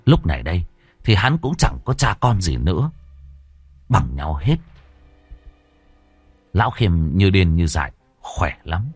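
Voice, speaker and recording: A man's voice: deep voice, very animated, measured pace, pauses often, slightly rough, no echo, faint music behind. A man narrating a dramatic audiobook story.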